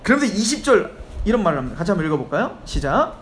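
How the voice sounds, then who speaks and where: A man's voice: sits high, racing, slight background noise. A male pastor preaching an expository sermon in a church, switching between reading scripture and voicing characters in casual speech. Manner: animated preaching, voicing Bible characters in plain talk. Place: church sanctuary. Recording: echoey church hall, faint ambience.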